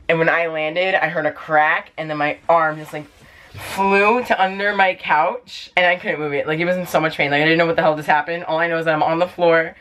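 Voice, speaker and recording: A man's voice: sits high, pushed and bright. A young man tells a casual storytime vlog, rambling and leaning on lots of "like" fillers. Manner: rambling, heavy use of "like" fillers. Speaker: vlogger.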